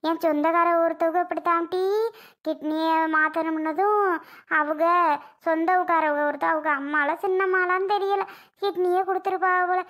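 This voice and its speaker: A woman's voice: extremely high pitch, fairly even intonation, normal speed, a bit bright. A woman voicing a nosy, gossiping older aunt in a cartoon who talks bluntly. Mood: gossipy. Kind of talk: cartoon voice acting.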